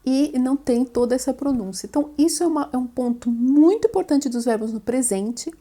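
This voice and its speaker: A woman's voice: sits high, brisk, dark tone. A woman teaching French in an online lesson, explaining patiently and often adding "né?".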